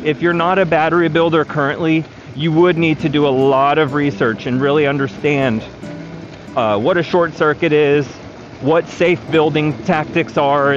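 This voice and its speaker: A man in his thirties giving practical, matter-of-fact advice while riding a four-wheeler outdoors, recorded on an action camera. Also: on the high side. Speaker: vlogger, electric vehicle builder. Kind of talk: casual explanatory ride-along talk. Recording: dull lo-fi action camera audio with music underneath. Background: background music.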